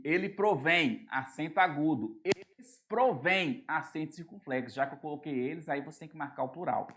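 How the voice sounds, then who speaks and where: A man's voice: a little high, a bit bright. A man with a Brazilian Portuguese accent teaching an exam-prep grammar lesson, explaining step by step and often checking that students are following.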